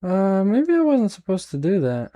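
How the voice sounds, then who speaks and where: A young man streams a game with a mellow, rounded voice. He reacts in short, casual, playful bursts and swears freely. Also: sits high, wildly swooping pitch, normal speed. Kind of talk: casual live gameplay reaction.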